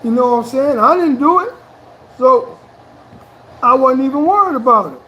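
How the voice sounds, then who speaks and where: A man with a notably high voice tells his story in loose, profane street slang, leaning on a steady "you know" refrain. He sounds middle-aged and laid-back, with a faint hiss of noise behind him. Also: normal speed, poor audio. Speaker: interviewee. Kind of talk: casual storytelling.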